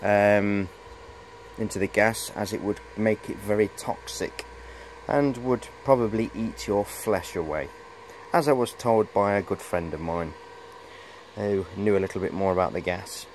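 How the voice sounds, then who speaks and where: This lowish male voice moves a little slowly over poor audio with some hiss or hum. He is a middle-aged hobbyist presenter rambling hesitantly through a casual handheld-camera show-and-tell in a cluttered workshop, repeating "of course" often.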